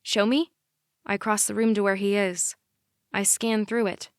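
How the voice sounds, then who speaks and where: Female audiobook narrator, first-person, emotional and intimate, mid pitch, dry studio sound. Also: little pitch movement, normal speed, smooth, dry recording.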